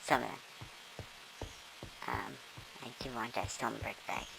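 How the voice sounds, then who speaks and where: This gamer's build tour runs through a voice-morphing effect that makes them squeaky and squirrel-sized. Their speech is sing-song, a little slow, and gravelly, with a casual, rambling style full of ums and self-corrections. Background noise comes through.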